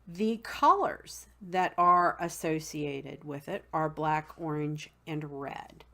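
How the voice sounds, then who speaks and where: A woman with a Southern drawl talks slowly and unhurriedly. She fills her pauses with ums and spells tricky words out letter by letter. Her voice sits a bit low. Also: gravelly, bright, forceful tone. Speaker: host. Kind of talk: casual teaching talk.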